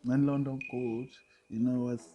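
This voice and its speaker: A man's voice: medium pitch, flat delivery, measured pace, lo-fi sound, faint music behind. Laid-back Nigerian man, brief replies. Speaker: vlog co-host. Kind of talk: casual couple chat.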